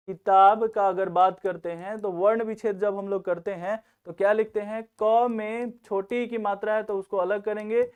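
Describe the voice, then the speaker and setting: A male teacher explaining grammar in a steady lesson, often checking in with students as he goes. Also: high voice, clear, resonant tone. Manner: repeats "theek hai na" as a check-in. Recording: tinny phone-like recording.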